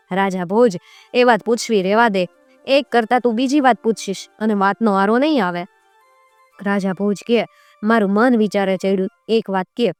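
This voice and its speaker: A woman storyteller recounts a traditional folk tale, giving the characters their own lines as she goes. Her voice is smooth and resonant, recorded close and dry. Faint music plays beneath her. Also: mid-range voice, dry recording. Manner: voices characters in quoted speech.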